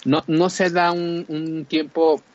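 A man's voice: fairly high pitch, little pitch movement, slow pace, a little mellow, lo-fi sound. A man reviewing a film in casual chat, rambling with many fillers and restarts.

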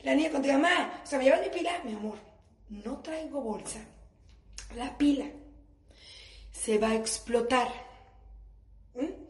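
A woman's voice: high voice, measured pace, pauses often, reverberant. A woman with a Mexican accent performing a crude, mocking stand-up comedy monologue and acting out her family in different voices. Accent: Mexican Spanish.

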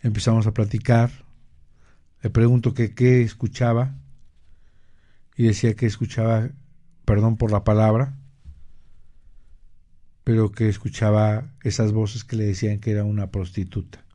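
A man hosting a radio health show, explaining terms and recounting a therapy case in a measured way, with frequent pauses and fillers. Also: on the low side, flat delivery, mellow. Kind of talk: slow explanatory talk.

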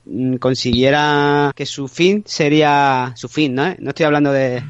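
A man's voice: mid-range voice, steady tone, unhurried, no room sound, lo-fi sound. A man co-hosting a podcast in casual chat, spinning theories with many hesitant fillers. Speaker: podcast co-host.

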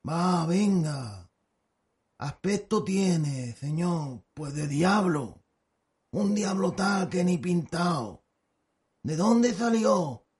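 A slow, rustic old village elder in an audio drama. He drags out his words in a homely country dialect. His voice sits high for a man. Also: expressive, a little mellow, exaggerated voice. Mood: folksy. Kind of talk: audiobook radio drama acting.

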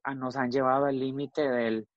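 A woman's voice: very deep voice, moderate pace, no echo, muffled recording. A woman chatting on a talk show panel, telling stories animatedly and acting out both sides of conversations. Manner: animated storyteller, acts out both sides of phone calls. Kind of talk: casual chat.

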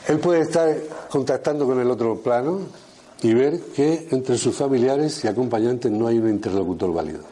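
Guy, a doctor, telling patient stories to a crowd, acts out both sides, warm mellow voice, a bit of hiss. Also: mid-range voice, moderate pace. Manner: animated anecdotes, acts out dialogue with patients. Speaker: doctor speaking on a panel. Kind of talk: storytelling talk to an audience.

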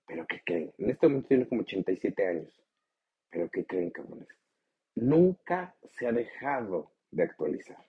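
Blunt, profane Mexican man, husky voice. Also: big pitch swings, normal speed, highs cut off. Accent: Mexican Spanish. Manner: blunt, profane, swings into high mocking voices. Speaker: podcast host. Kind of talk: motivational podcast talk.

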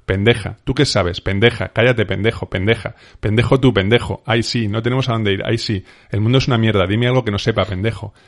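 A man's voice: fairly low pitch, fairly even intonation, lightly acted. Man reading as furious young woman, quarreling. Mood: heated. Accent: Spain Spanish. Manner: rapid, heated back-and-forth insults. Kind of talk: reading a novel passage aloud.

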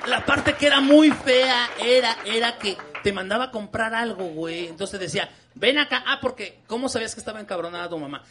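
A man's voice: extremely high pitch, brisk, hardly any pauses, noisy background. A young man with a Mexican Spanish accent, performing a stand-up comedy set in slangy, crude language and laughing as he tells stories. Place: comedy venue with a live audience. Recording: live audience laughter behind him.

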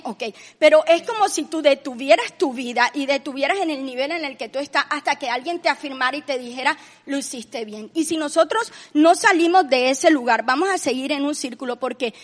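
A woman with a high, bright voice gives an earnest faith-based talk. She leans into emphatic, raised passages as she retells a story. The room adds a long reverb tail. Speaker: co-host.

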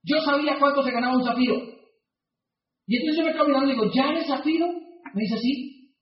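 A man's voice: extremely high pitch, fairly quick. A man with a Colombian accent, a motivational speaker telling a story to an audience and acting out the dialogue with animation. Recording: distant, echoey, dull hall recording.

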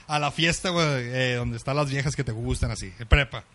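A young man with a Mexican Spanish accent tells a funny story in casual podcast chat, his medium-pitched voice a bit bright. He talks fast and slangy, says "güey" constantly, and laughs as he goes.

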